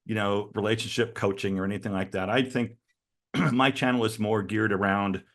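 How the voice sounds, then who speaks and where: A man's voice: lowish voice, steady tone, normal speed, fairly bright tone. A middle-aged man hosting a casual interview in an informal, agreeable way. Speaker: host of men's lifestyle channel.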